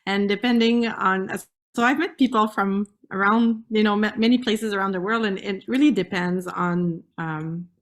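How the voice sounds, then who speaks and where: A French-Canadian woman from Canada, a native French speaker, casually explains things as a health specialist guest in an interview. Her medium-pitched voice moves at normal speed with few pauses, though she sometimes hesitates while searching for words in her second language.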